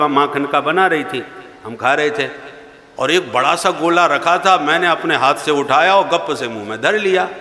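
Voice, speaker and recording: Man telling a religious story, voices all the characters, bright tone, big echoey hall. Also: fairly high pitch. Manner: animated, acts out characters. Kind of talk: devotional sermon storytelling.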